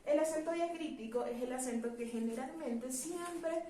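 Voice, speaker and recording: A woman teacher explaining a grammar lesson in a clear, measured classroom manner, asking rhetorical questions. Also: high voice, mellow, roomy sound, far from the mic, a little hiss or hum.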